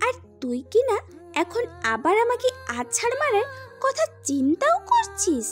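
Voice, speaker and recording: A woman voicing a feisty, sharp-tongued young woman in an audio story drama, teasing and scolding. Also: very high-pitched, wildly swooping pitch, a little slow, faint music behind, exaggerated voice.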